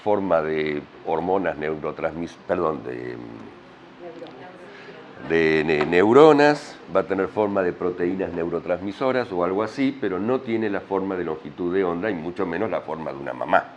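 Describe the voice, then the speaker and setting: Older Argentine male lecturer, low-pitched, patient explainer, dull lo-fi recording. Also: moderate pace, slight background noise. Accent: Argentine Spanish. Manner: explanatory, checks understanding with frequent tag questions. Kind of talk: university lecture.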